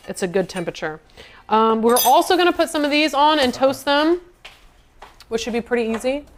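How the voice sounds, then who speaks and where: A woman's voice: medium pitch, slight background noise. A woman livestreaming from her home kitchen, chatting to viewers while she cooks. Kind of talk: casual livestream chat.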